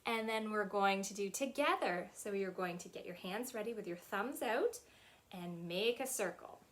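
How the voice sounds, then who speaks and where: This children's librarian, a woman in her thirties, hosts storytime in a small indoor playroom lined with shelves, using a sing-song teacherly voice and simple songs with hand gestures. She speaks at medium pitch and normal speed, expressive and fairly bright.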